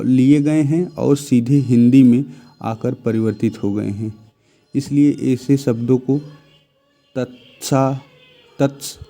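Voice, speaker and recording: A man's voice: mid-range voice, mellow. A man teaching Hindi grammar, reading each sentence and declaring it correct or incorrect, sometimes asking quiz-style questions and answering them himself. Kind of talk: spoken grammar lesson.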